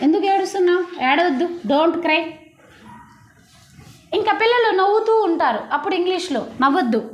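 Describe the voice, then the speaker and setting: A woman's voice: very high voice, animated, fairly quick, roomy sound. A woman teaching a primary school class, coaxing the children to repeat after her. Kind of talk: classroom lesson.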